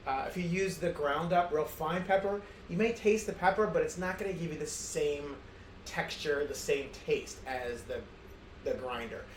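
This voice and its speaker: A man's voice: fairly high pitch, moderate pace. A middle-aged man hosting a casual home cooking demonstration, talking in a rambling, self-amused way with many fillers and restarts. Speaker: home cooking show host. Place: home kitchen. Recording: roomy kitchen with faint ambient noise.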